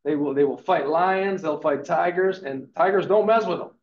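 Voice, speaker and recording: This man in his fifties has a fairly high pitch and moves at a moderate pace. He gives an emphatic, motivational real estate talk to a live class, punctuating points with "okay," and the lo-fi recording sounds dull and echoey.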